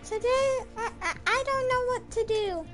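Woman through a pitch-shifting voice changer. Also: normal speed, music in the background. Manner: giggly, playful, keeps switching voices. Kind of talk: casual game voice chat.

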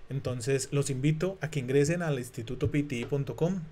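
In this casual online lesson, a Latin American man whose first language is Spanish talks through English exam material at a brisk clip in a medium-pitched voice. He stays relaxed and chatty, thinking out loud and often using fillers and starting over.

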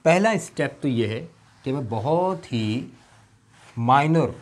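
A middle-aged man, teaching English grammar in a classroom lecture. He asks questions and answers them himself, and reads out example phrases slowly. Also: mid-range voice, expressive. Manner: explains patiently, asks and answers his own questions; often adds a checking "right?" aside. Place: classroom with a board.

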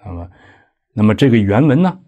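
A man's voice: lowish voice, big pitch swings, fairly quick, phone-quality sound. A man giving a lecture, explaining a classical text line by line with conversational asides and rhetorical questions. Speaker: lecturer on Buddhist practice. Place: lecture hall.

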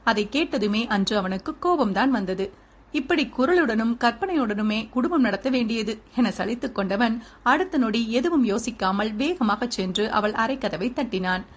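A woman narrating a novel aloud in a steady, even reading. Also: fairly high pitch, moderate pace. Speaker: audiobook narrator.

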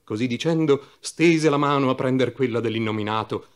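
A man reading a classic novel aloud in a measured, solemn narration. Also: medium pitch. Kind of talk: literary audiobook reading.

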